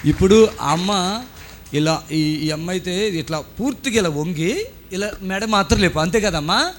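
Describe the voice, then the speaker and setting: A man's voice: sits high, expressive, moderate pace, slight background noise. A man preaching as pastor at a healing service, fervent and exhorting, questioning people on stage.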